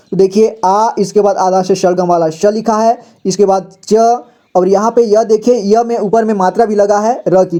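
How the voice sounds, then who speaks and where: A man with a high, mellow voice gives an unhurried reading lesson. He breaks each hard word into letters, says it again and again, and keeps checking in with his learners in a patient teacher's tone. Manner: patient, repeats each word slowly and often says "ठीक है". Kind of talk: slow explanatory lesson, spelling out words.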